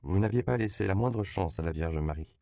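A man reading the lines of a tactful, gentle American missionary in an audiobook. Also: low voice, brisk, vocal fry, clear, resonant tone, dry recording.

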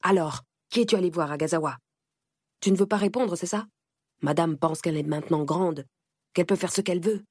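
A woman's voice: fairly low pitch, brisk, darkish tone, breathy edge, dry recording, clean studio sound. A woman voicing a furious, domineering father who angrily interrogates his daughter. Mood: angry. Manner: angry and scolding.

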